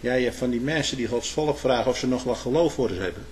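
A man preaching a sermon in old biblical phrasing, swinging from hushed asides to loud proclamations with frequent "hè". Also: medium pitch, fast, a little hiss or hum.

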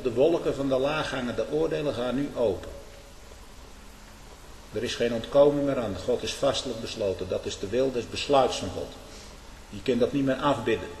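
Fiery preacher man in an echoey hall. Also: a little hiss or hum. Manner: swings from low muttering to shouting; asks "hè?" and "hm?" to the listeners. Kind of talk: fiery sermon. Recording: echoey hall with long reverb.

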